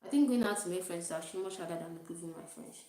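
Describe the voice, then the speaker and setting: A young Nigerian vlogger whose first language is Igbo speaks with an accent, rambling casually on a livestream and often laughing at herself. Her voice is warm and on the low side, and she talks at a racing pace in a very echoey room.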